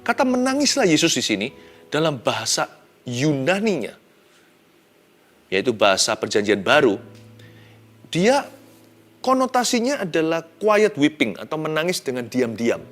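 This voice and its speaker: A male pastor, giving an expressive devotional sermon that swings from hushed to loud and mixes in English phrases. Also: on the high side, normal speed, long pauses. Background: soft background music.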